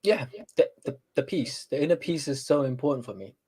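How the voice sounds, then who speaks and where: A man's voice: mid-range voice, expressive, brisk, warm tone, husky. A young man chatting as a guest on a talk show, easygoing and jokey. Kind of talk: casual chat.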